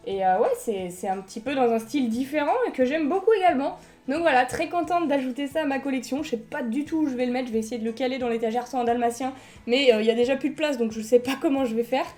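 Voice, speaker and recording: Young french woman gushing over her figurines, high voice, soft music under it. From France. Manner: enthusiastic, gushing, chatty. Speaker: collector unboxing figurines. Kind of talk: casual unboxing vlog.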